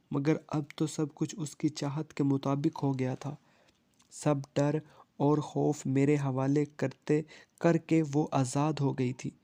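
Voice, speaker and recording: A male storyteller reads a first-person tale at a steady, even pace. His voice is mellow and flat, pitched a little high for a man, with very little rise and fall.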